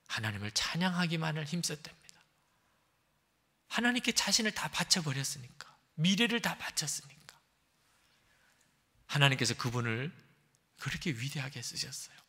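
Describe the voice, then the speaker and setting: A man's voice: medium pitch, sing-song, normal speed, long pauses, pushed and bright. A man preaching a sermon as pastor in a church sanctuary, telling stories in an earnest, emphatic way. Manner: earnest, emphatic storytelling with dramatic shifts. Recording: reverberant church hall.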